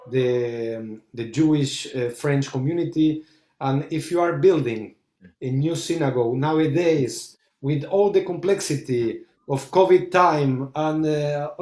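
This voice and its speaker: An Argentine rabbi talks in conversational discussion, switching between English and Portuguese, and often stops to search for words, with many fillers and restarts. His voice is on the high side with a warm tone, and the sound is reverberant.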